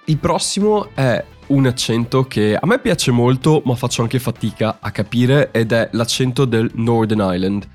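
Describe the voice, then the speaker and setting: A man's voice: medium pitch, moderate pace, few pauses, a little mellow, faint music behind. A young man from Italy hosting a podcast, explaining in a chatty way and laughing at himself now and then. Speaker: podcast host. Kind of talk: casual podcast monologue.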